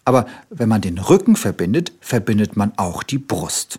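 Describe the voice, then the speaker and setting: A man's voice: on the low side, big pitch swings, mellow, breathy edge. A man doing a whiny little tiger cub. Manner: drawn-out, pitiful pleading. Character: little male tiger cub, whiny, feeling sorry for himself.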